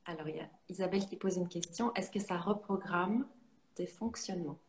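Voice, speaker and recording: A woman with a lower voice hosts a relaxed, friendly interview, asking questions and adding her own stories. Her voice has an echoey, roomy ring. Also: fairly quick, a little hiss or hum. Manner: friendly, relaxed, affirming murmurs. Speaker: host, interviewer. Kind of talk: casual interview chat.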